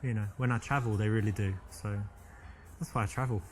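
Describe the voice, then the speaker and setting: A man's voice: on the low side, steady tone, quick pace, over music, close to an everyday voice. An actor with a British accent playing a boastful, self-assured man who chats up a stranger and coaches the player in a game. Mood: smug. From England. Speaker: dating coach and player character.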